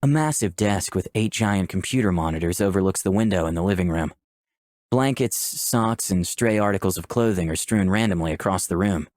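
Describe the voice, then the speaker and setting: A low, slightly mellow voice moves briskly through a visual novel as the player voices the protagonist and reads the narration with flirty playfulness. There is no room sound in the recording.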